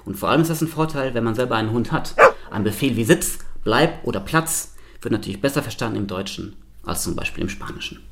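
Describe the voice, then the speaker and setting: A man, a linguist, giving a playful science slam talk with lively spoken examples. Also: mid-range voice, fast, heavy background noise.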